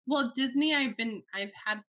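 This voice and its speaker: A woman in her thirties, a guest in a casual interview, born in Alabama and raised in Miami, chatty and quick to laugh while telling stories. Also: high voice, fairly bright tone. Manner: chatty, laughs often, storytelling.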